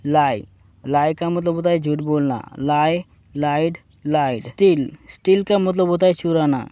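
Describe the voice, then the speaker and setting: A man with an Indian accent teaches English verbs, repeating each form in a slow, measured drill. His voice sits a little high, and it comes through a thin, phone-like recording with no room echo. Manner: slow drilling recitation, addresses viewers as friends. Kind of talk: vocabulary lesson, reciting verb forms.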